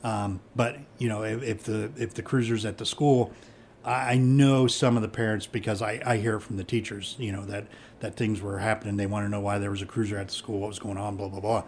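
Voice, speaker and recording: A man's voice: fairly low pitch, flat delivery, brisk, a little hiss or hum. A middle-aged man, a police chief, chatting casually and rambling with many fillers and restarts. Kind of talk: casual conversation.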